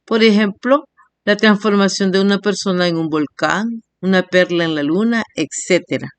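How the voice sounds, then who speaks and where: A woman teacher giving a recorded language lesson, reading definitions and slowly sounding out example words syllable by syllable. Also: mid-range voice, no echo. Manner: slow, spells words out syllable by syllable. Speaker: primary school teacher.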